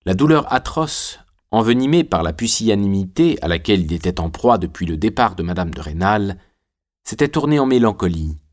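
A man reads a classic novel aloud as an audiobook. His low voice is measured and literary. He keeps a steady narrating tone throughout.

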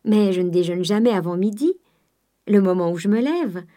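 A woman's voice: mid-range voice, expressive, moderate pace, mellow, natural voice. A woman reading the part of an affable, coquettish young Parisian dandy, with an airy, polished, lightly teasing manner.

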